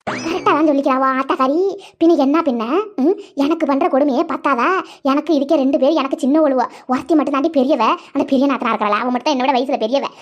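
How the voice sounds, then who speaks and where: Fast quarrelsome woman. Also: high-pitched, steady tone, highs cut off. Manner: quarrelsome, gossiping. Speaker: voice performer of village women. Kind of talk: cartoon comedy voice acting.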